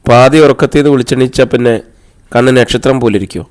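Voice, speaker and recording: A man's voice: mid-range voice, fast talker, darkish tone, natural voice. A man reading the part of a sulky young man who answers curtly and irritably. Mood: irritated. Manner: curt, irritated.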